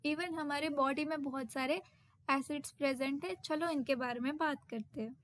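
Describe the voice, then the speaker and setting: A woman explaining a science textbook lesson, and she reads the English terms out slowly, one by one. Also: high-pitched, steady tone, no room sound. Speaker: teacher.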